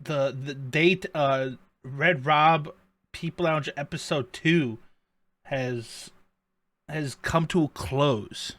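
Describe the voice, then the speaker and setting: A man's voice: a little high, extremely slow, a bit bright. A man hosting a casual chat show, rambling and repeating himself, with playful mock excuses. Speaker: podcast host.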